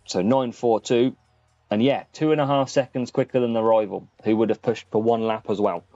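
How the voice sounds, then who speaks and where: The audio is muffled and lo-fi, with faint music in the background, but the recording itself is dry. Over it, a man with a warm, mid-range voice and steady tone speaks at normal speed, the streamer and host of a gaming channel casually commentating live and naming viewers as he chats.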